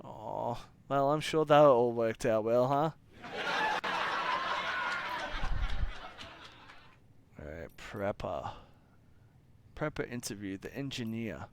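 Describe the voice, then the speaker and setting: A young man from Australia on a live stream, reading game text aloud in a mid-pitched voice. He keeps it loose and sardonic between passages, with casual swearing and quick throwaway remarks. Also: lively intonation, creaky, a little hiss or hum.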